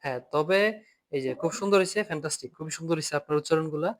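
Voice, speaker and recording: A man's voice: a little high, very fast, faint music behind. A man teaching an online German class by video call, patiently repeating each point and asking students to read aloud.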